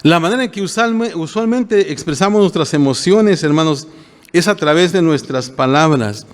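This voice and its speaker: This older pastor's fairly high voice carries lively intonation at a moderate pace, followed by a long reverb tail. He delivers a down-to-earth, conversational sermon, regularly checking in with listeners by asking "¿verdad?".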